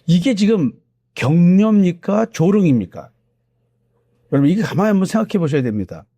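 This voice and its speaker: Middle-aged male pastor, sermon delivery, slightly high, dark-toned voice, dry close sound, emphatic. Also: sing-song, no room sound. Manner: earnest, emphatic preaching with slowed, stressed key words.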